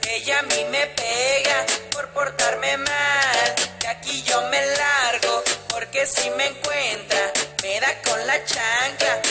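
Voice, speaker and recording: A woman's voice: high voice, fairly even intonation, takes it slowly, hardly any pauses. A woman singing a children's song in the voice of a scolded child pleading with her mother, in a sing-song way. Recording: song track with loud music. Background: loud music.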